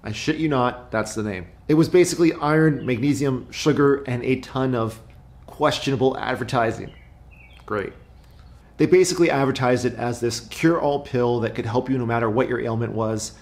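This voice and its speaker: A man's voice: mid-range voice, moderate pace. Chatty man telling road stories. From Canada. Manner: chatty, storytelling, joking asides. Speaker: motorcycle travel vlogger. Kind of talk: casual travel vlog narration.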